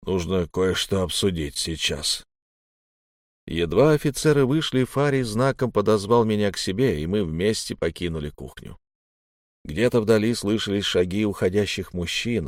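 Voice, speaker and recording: A man narrating a first-person audiobook in a steady, measured way. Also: lowish voice, no room sound, studio quality.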